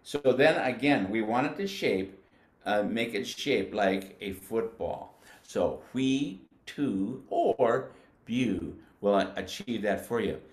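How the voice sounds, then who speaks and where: A man's voice: on the low side, lively intonation, roomy sound. Patient older American man teaching band. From United States. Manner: patient, explanatory, demonstrates syllables slowly. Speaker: music educator. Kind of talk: instructional demonstration.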